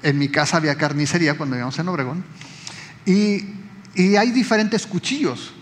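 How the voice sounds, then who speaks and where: A man's voice: a little high, fairly quick, big-room sound. A man preaching a sermon as pastor, explaining conversationally and speaking directly to the congregation.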